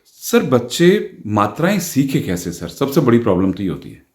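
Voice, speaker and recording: A man's voice: medium pitch, huge pitch swings, moderate pace. A man interviewing a teacher, asking questions politely and often addressing him as sir.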